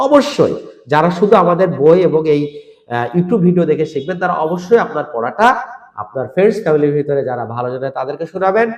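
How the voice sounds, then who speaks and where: Here the same kind of lesson comes through a muffled recording: a Bangladeshi Bengali-accented man with a fairly high, slightly mellow voice drills Quran letter syllables aloud online. He slips English words into his teaching, and the room echoes.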